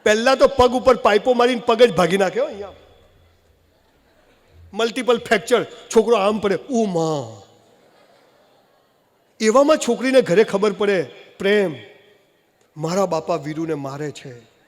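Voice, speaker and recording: High-voiced man giving a humorous motivational speech. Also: normal speed. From Gujarat, India. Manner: animated storytelling, jokey asides. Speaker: motivational speaker. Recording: long hall reverb, faint noise.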